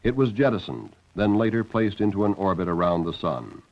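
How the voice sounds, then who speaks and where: A man delivers scripted documentary narration in a fairly deep voice. The soundtrack is slightly muffled, like an old film. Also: very animated, fairly quick. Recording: dull band-limited old film soundtrack.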